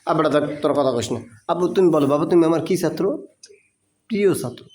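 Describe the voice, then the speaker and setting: A man's voice: a little high, fast talker, a little mellow, a little hiss or hum. A man teaching a child to read, chanting call-and-response drills in a coaxing, teasing way. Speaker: madrasa teacher. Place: classroom.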